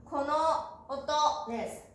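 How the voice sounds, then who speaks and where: A woman's voice: sits high, extremely slow. A woman teaching a beginner Japanese lesson, patiently spelling out each syllable and affirming with small "un" sounds. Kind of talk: slow, clear classroom lesson. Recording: very echoey room.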